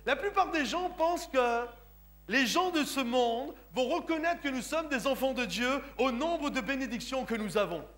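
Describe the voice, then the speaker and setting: An extremely high, slightly bright voice with lively intonation belongs to a pastor from France whose parents were Sicilian. At a moderate pace he preaches emphatically, often checking whether his congregation understands with "Comprenez-vous?".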